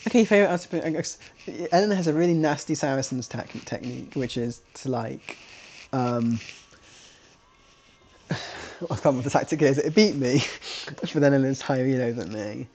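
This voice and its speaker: Male game caster, chatty, rambling, restarts his sentences a lot, mid-pitched voice. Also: a little mellow, slight background noise. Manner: rambling, self-correcting, chatty. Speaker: esports caster. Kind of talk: live game commentary.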